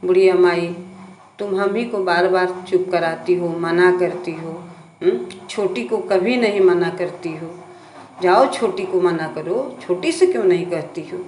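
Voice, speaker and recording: A woman voicing a resentful, quarrelsome elder daughter-in-law who complains about always being told to keep quiet, in a roomy echoing recording. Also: on the low side, a little slow, close to an everyday voice. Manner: complaining, sharp. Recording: roomy echo, faint background noise.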